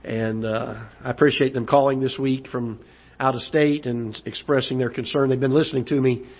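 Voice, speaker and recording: A pastor's sermon fills a church auditorium; his voice is hoarse and recovering, at medium pitch with a steady tone. Though he halts and repeats words early on, he rises as he preaches. The broadcast quality is dull and lo-fi.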